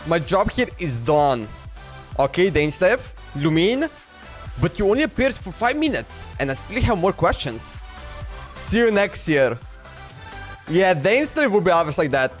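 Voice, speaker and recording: A man chats casually in a reaction stream, using a high, sing-song, unhurried voice over background music. He's slangy and exclamatory and tends to repeat himself.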